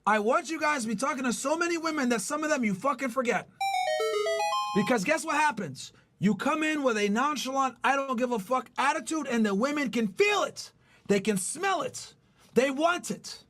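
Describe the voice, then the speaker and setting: A man with a very high-pitched voice lectures his podcast listeners. He talks bluntly and curses freely, hammering home each point. Faint music plays under him. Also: animated, moderate pace. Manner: blunt, profane, emphatic lecturing. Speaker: podcast host. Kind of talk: podcast monologue giving dating advice.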